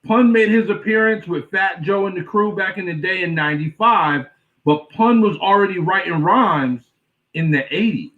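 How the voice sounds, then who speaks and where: A man's voice: high-pitched, normal speed. A man who is a guest host on a casual chat, explaining his points in a laid-back way. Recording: distant, dull lo-fi remote audio.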